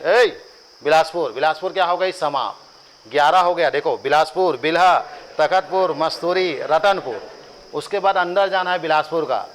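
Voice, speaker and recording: High-voiced Chhattisgarhi teacher chanting lists. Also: male voice, a bit bright, a little hiss or hum, rough recording. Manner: rhythmic repetition, joking asides to students. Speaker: coaching teacher. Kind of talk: classroom lecture with chanted drills. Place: classroom.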